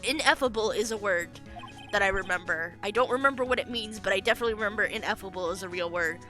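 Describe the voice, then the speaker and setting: A woman's voice: medium pitch, quick pace, sharp tone, faint music behind. A woman giving casual, jokey commentary while playing a game, often tripping over words and laughing at herself. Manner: jokey, self-deprecating, slips over words. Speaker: let's play commentator.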